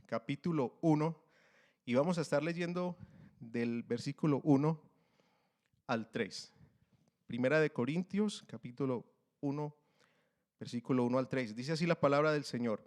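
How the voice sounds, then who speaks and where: A man preaching an evening sermon to his congregation. He reads scripture aloud and talks earnestly, often pausing and restarting. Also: medium pitch. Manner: earnest, hesitant, many fillers and restarts, louder when reading scripture. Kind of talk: sermon with Bible reading.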